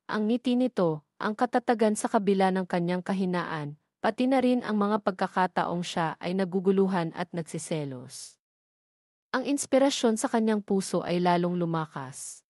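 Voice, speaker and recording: Narrating a scripted audio drama story, a woman with a Filipino accent speaks in a medium-pitched, slightly mellow voice. The recording is studio quality with no room sound.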